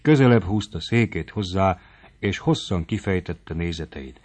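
Male narrator for a literary audiobook; low voice, steady and measured. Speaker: audiobook reader. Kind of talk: scripted narration of a novel.

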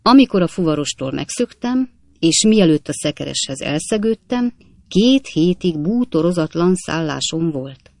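A narrator voicing a cheerful, witty young manservant in an audiobook, chatting in a folksy, gravelly tone. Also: medium pitch, animated, a little mellow, dry recording. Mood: lively, folksy.

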